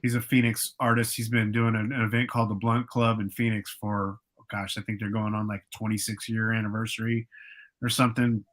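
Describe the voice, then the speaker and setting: A guest in his late forties, a producer and artist, tells stories on a podcast interview in a relaxed, rambling way. His lowish voice moves a little fast, full of fillers and restarts.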